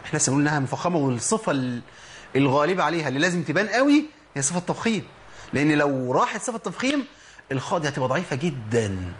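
A man with an Egyptian Arabic accent teaching Quranic pronunciation, explaining step by step and answering his own questions. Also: fairly high pitch. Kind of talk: instructional lesson on pronunciation.

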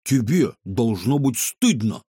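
A man's voice: medium pitch, big pitch swings, slow pace, warm tone, slightly rough, no room sound, clean studio sound, full character voice. A man reading a children's audiobook, voicing a bossy, commanding male animal detective. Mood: stern. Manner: stern, commanding. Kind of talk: audiobook character voice.

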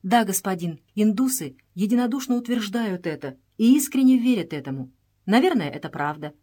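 A woman's voice: mid-range voice, animated, brisk, mellow, close to an everyday voice. A woman reading the lines of a devoted young Indian servant in an audiobook, deferential and full of urgent warnings.

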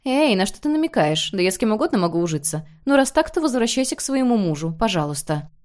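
A woman's voice: mid-range voice, very animated, fast talker, a little mellow, natural voice. A woman voicing a dramatic, self-pitying middle-aged mother who was once an actress, pleading theatrically. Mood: wheedling.

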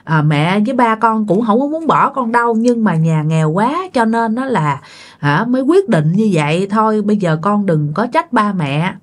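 A woman's voice: mid-range voice, lively intonation, normal speed. A woman, telling a ghost story in a chatty way and speaking directly to her listeners.

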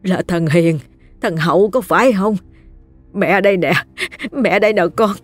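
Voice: medium pitch, unhurried, dry recording, faint music behind, close to an everyday voice. A narrator doing a tearful older mother. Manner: tearful, pleading. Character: older mother grieving her sons.

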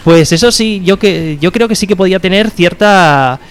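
A man's voice: high-pitched, moderate pace, smooth. A man hosting a casual radio interview, talking loosely with many fillers and restarts. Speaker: radio host.

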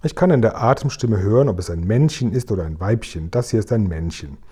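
A man doing Guri, the hushed gentle giant. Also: fairly low pitch, animated, brisk, breathy edge. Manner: hushed, muddles his words. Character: big kind gentle giant, word-mangling.

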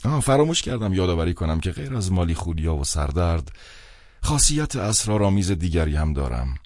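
A man reads a literary novel aloud in a measured, wry first-person manner. His voice is extremely deep. The recording is dry and close, with no room sound. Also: big pitch swings, a little mellow, no echo. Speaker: audiobook narrator. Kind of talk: literary audiobook narration.

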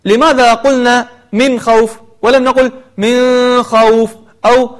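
Man, very high voice, recitation teacher, patient step-by-step explanation, drawn-out repeated examples. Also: little pitch movement. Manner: explains rules, then recites examples slowly and repeats them. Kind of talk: tajweed lesson.

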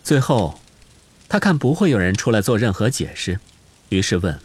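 Male audiobook narrator, low voice, lively delivery, scripted storytelling. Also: moderate pace, slightly rough, dry recording. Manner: expressive storytelling.

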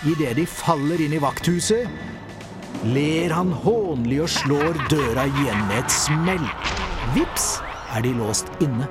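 A man narrating a children's audiobook in a lively storytelling manner. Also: fairly high pitch, loud music behind the voice. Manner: lively storyteller, voices all the characters.

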